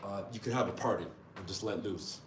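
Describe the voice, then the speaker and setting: A man's voice: lowish voice, a little fast, distant mic. A man hosting a casual livestream from a hotel suite, talking in a rambling, chatty way and often correcting himself. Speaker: vlog host. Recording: echoey room, off-mic, background noise.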